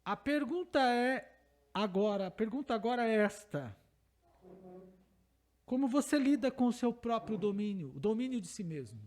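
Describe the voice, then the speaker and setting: A man's voice: high voice, lively intonation, moderate pace, a little mellow. A male pastor with a Brazilian Portuguese accent, giving a teaching sermon to a congregation, emphatic and repeating key phrases while asking the listeners questions.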